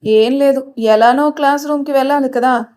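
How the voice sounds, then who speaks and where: A man's voice: extremely high pitch, steady tone, normal speed, a little mellow, clear, resonant tone. A woman voicing a cool, offhand young male college hero in a storybook reading.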